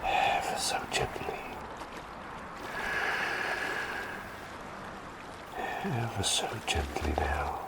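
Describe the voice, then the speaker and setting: In a whispered ASMR roleplay, a man voices a quirky, kind-hearted male bird plague doctor, sometimes rambling and halting before turning soft and reassuring. It's a full character voice, low, rumbling and gravelly, with a soothing mood.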